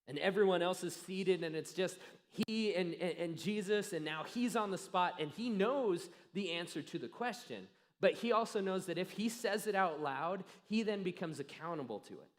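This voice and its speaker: A man with a fairly high voice delivers a sermon as a pastor. He tells the story earnestly, builds dramatic pauses and lets his phrases fade to a hush. The sound carries the long reverb of a church auditorium. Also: expressive.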